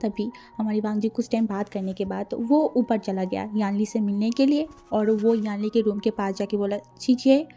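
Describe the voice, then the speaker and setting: A woman's voice: medium pitch, fairly even intonation, moderate pace, few pauses, warm tone, soft background music. A woman casually retelling a fan fiction story, mixing in English words and acting out the dialogue.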